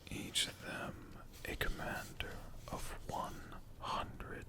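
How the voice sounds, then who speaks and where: The speaker, of unclear sex, narrates ASMR stories softly and slowly, repeating words and leaving long silences.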